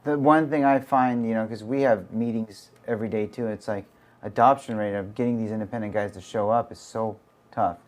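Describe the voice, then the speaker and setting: A man's voice: lowish voice, fairly even intonation, a little fast. A man hosting a podcast, chatting casually and asking long, rambling questions full of "like". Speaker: podcast host.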